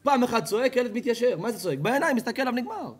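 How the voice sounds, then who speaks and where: A man with a fairly high voice delivers a rabbi's sermon to an audience in a hall. He talks in an animated storytelling way, asks the listeners questions and slips in jokes. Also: slightly rough. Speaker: rabbi giving a Torah lecture. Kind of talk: lively sermon to a live audience.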